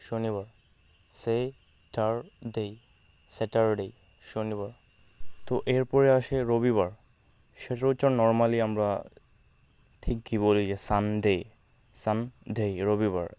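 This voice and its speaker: Bengali-accented man teaching pronunciation slowly. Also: fairly low pitch, mellow, clear, resonant tone, dry recording. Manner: slow drawn-out repetition of example words. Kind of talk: pronunciation lesson.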